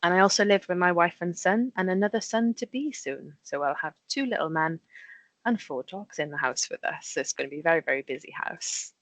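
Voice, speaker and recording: An engineer from Wales, whose first language is Welsh, gives a friendly talk to schoolchildren, chatting and explaining things simply with frequent ums. Her low voice is fairly quick and a bit bright, with no echo.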